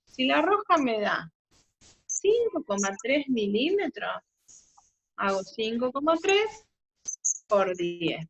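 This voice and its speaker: A woman's voice: on the high side, a bit bright. A woman teaching a physics class over a video call, explaining step by step and often checking in with the students. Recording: muffled video-call audio, faint noise.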